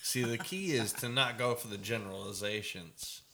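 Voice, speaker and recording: A man co-hosting a podcast in casual chat, halting and repeating words as he teases the others. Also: lowish voice, animated, creaky, sharp tone. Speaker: podcast co-host.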